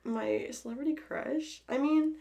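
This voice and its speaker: A woman's voice: sits high, measured pace, gravelly, mellow. A young woman co-hosting a casual podcast chat, giggly and a bit hesitant. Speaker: podcast co-host.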